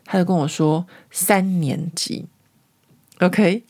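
A woman from Taiwan with a Taiwanese Mandarin accent, telling a casual story as a podcast host in a chatty, lively way that often breaks into laughter. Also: lowish voice, slow.

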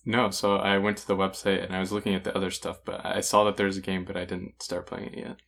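A podcast co-host shares his thoughts in a casual, conversational review of comics. He talks fast in a low, level voice with vocal fry and a fairly bright tone.

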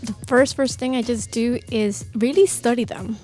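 A woman's voice: on the high side, normal speed, a little mellow. A woman guest on a radio interview, earnestly and reflectively talking about coaching music artists. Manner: earnest, reflective, laughs readily when teased.

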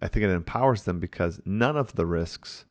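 A man's voice: deep voice, expressive, moderate pace, no echo. A man hosting a conversation, responding with reflective, enthusiastic commentary and thinking aloud.

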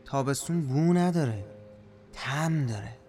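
A man's voice: medium pitch, expressive, darkish tone, soft background music, close to an everyday voice. A man playing an eerie companion who makes short, obsessively repeated, cryptic remarks in a surreal audio drama.

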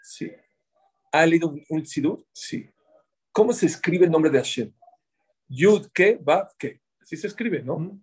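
A man's voice: a little high, expressive, a little slow, pauses often, a little mellow, husky. A man teaching a Torah class to a small group, explaining points and asking the group questions before answering them himself.

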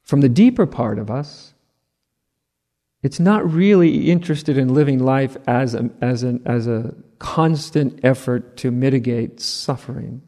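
A man teaching on a spiritual theme in a relaxed, conversational way. He drops in "right?" asides and light laughs at a mid pitch. His voice carries a long reverb, as in a hall. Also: measured pace. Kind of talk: spiritual talk.

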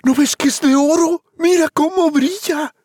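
A man voicing a boastful, cheeky peasant boy in a storybook, high and eager. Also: measured pace, darkish tone, no room sound, clean studio sound. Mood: pleading. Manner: eager, pleading.

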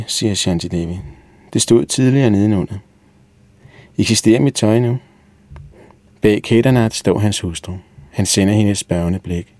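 A man reading a story aloud in calm, even audiobook narration. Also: fairly low pitch, no room sound. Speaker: reader.

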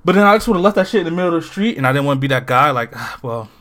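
A man's voice: a little high, lively intonation, very fast, fairly bright tone. A man co-hosting a podcast in casual chat, telling stories animatedly, acting out his own reactions and swearing freely. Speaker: podcast co-host.

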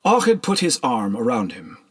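A man giving scripted first-person narration of a historical story, measured and even. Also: medium pitch, husky. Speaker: audiobook narrator.

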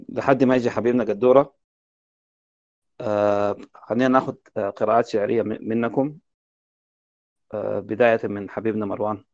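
A man hosting a casual online poetry chat, teasing his friends in quick banter. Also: mid-range voice, dry recording. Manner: joking, teasing, fast banter. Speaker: host. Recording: dull lo-fi online call audio.

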